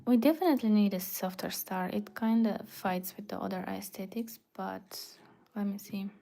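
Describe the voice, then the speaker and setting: On a casual livestream, a woman from Bulgaria murmurs her thoughts half to herself while designing a website, often dropping to something close to a whisper. Her medium-pitched voice is warm with vocal fry, at a normal speed.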